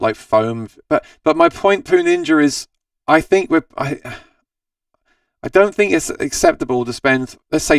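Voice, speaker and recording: An Australian man with a worn, raspy voice runs a relaxed live-stream Q&A about guitar gear, answering viewer comments in a chatty way. He drifts between topics and keeps correcting himself mid-sentence. His mid-range voice is gravelly with a smooth core, and the recording is dry, with the microphone set at some distance.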